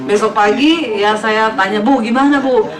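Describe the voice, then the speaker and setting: A woman's voice: fairly high pitch, normal speed. A woman pastor preaching a humorous sermon, playfully acting out the voices of people in her stories and laughing often. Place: church hall with congregation. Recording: echoey hall from far off, crowd noise.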